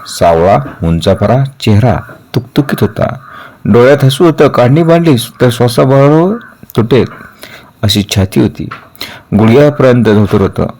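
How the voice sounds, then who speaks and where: A man reads a historical novel aloud, telling it in a steady and earnest way. His voice sits fairly low. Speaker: storyteller.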